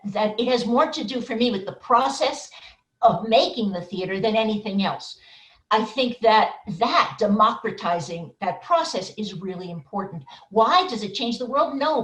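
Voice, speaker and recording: A woman theater maker and teacher speaking earnestly and emphatically on a discussion panel, thinking aloud as she goes. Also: medium pitch. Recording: roomy, distant mic.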